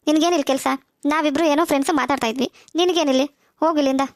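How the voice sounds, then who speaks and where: A bossy, sassy teenage girl from a cartoon, voiced by a woman fires off her lines quickly in a high voice. The sound is dry and close. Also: steady tone, dry recording, lightly acted. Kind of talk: cartoon voice acting.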